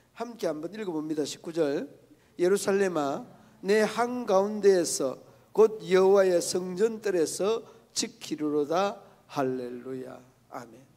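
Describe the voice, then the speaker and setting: A pastor preaches to his congregation in a high, gravelly voice. He talks to them in a conversational way and keeps putting questions to the room. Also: a little mellow. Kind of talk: sermon. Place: church prayer meeting.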